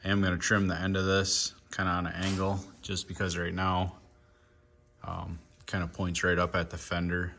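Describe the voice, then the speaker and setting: This man's voice sits low and comes out monotone, creaky, bright and forceful, at normal speed. He's a car builder hosting a fabrication video, giving an informal, plainspoken walkthrough while thinking aloud. Shop noise comes through the handheld recording.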